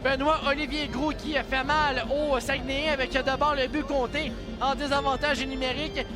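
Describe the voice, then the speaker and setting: A man with a Quebec French accent giving excited sports commentary as an ice hockey play-by-play announcer, urgent and ready to burst into shouts. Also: extremely high pitch, normal speed. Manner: urgent calls that burst into shouts on shots and goals. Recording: loud arena crowd and music behind. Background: cheering crowd and arena music.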